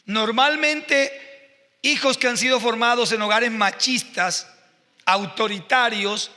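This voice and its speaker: A man's voice: extremely high pitch, slow pace, bright, forceful tone, in a large hall. A male pastor preaching a sermon, telling stories with growing emotion and fervor. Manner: emotional, storytelling with rising fervor. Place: church hall.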